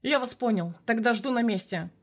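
A woman's voice: fairly high pitch, normal speed. A woman reading a dry, wry young hero.

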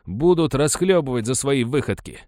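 A man's voice: mid-range voice, animated, normal speed, warm tone, dry recording, studio quality, voice pushed up, lightly acted. A man voicing an agitated male miner who fervently rallies his comrades. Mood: rousing. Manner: fervent, rousing.

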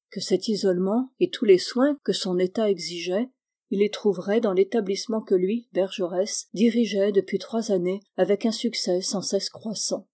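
Mellow-voiced woman reading a novel aloud. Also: mid-range voice. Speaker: audiobook reader. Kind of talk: scripted narration.

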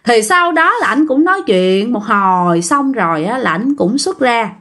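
High-voiced woman telling a ghost story. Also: lively intonation, moderate pace, fairly bright tone. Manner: chatty, addresses listeners directly. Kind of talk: casual ghost story narration.

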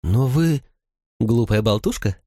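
A man's voice: fairly low pitch, big pitch swings, normal speed, a little mellow, no echo, studio quality. A man voicing a sly, smug noblewoman who gossips and schemes, talking condescendingly in an audiobook. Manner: chattering, condescending.

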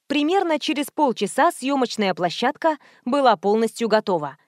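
Woman narrator, rather high voice, expressive first-person reading, dry close recording. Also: moderate pace, no echo. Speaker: audiobook narrator.

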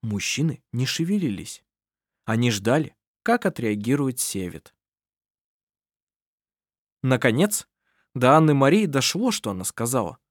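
A man reading a novel aloud as audiobook narrator, in an expressive storytelling manner. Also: medium pitch, unhurried, pauses often, dry recording, studio quality. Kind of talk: scripted narration.

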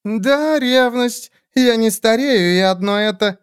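High voice, brash mocking undead woman captain, voiced by a man, dry clear sound. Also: slow pace, no room sound. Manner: cheeky, teasing, blunt.

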